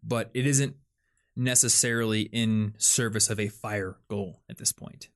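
A man's voice: lowish voice, steady tone, unhurried. A young man hosting a podcast, talking casually and thinking aloud with lots of fillers and restarts. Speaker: podcast host. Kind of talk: casual chat.

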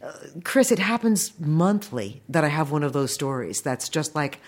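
An American animation voice director in her fifties, from Long Island, New York, tells anecdotes as a guest in a casual interview. Her voice is deep with big pitch swings at a normal speed, and she's enthusiastic and effusive, animatedly acting out quotes from people in her stories.

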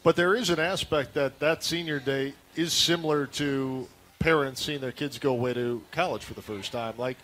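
A man hosting a sports radio show, asking questions and reading promos with a smooth announcer delivery. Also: medium pitch, normal speed, fairly bright tone, a little hiss or hum.

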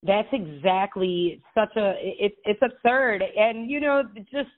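A woman's voice: mid-range voice, animated, slow pace. A woman state legislator answering interview questions earnestly, rambling with many restarts over a phone call. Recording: tinny phone line.

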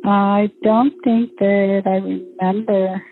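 A woman's voice: mid-range voice, level tone, slow, noisy background. A middle-aged or older woman recalling personal events conversationally, as an interviewee. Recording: muffled lo-fi interview audio.

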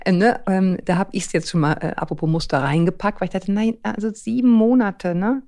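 A woman's voice: mid-range voice, a little fast, a little mellow. A woman co-hosting a casual podcast conversation, reflective and affirming, often murmuring agreement and asking follow-up questions. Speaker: podcast co-host.

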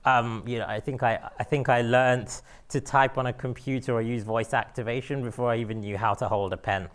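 A man's voice: mid-range voice, steady tone, brisk, a bit bright. A man from London with a London accent, giving a casual lecture-style talk about his own story, with many fillers and restarts. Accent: London English. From London, England. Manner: conversational, with frequent fillers and restarts. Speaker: guest speaker.

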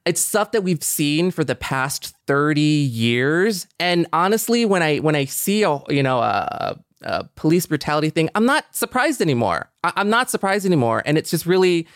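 Very animated and on the higher side, this middle-aged man talks at a moderate pace with few pauses, recorded at studio quality with no room sound. He's co-hosting a reflective podcast, earnest and thoughtful, groping hesitantly for the right phrasing.

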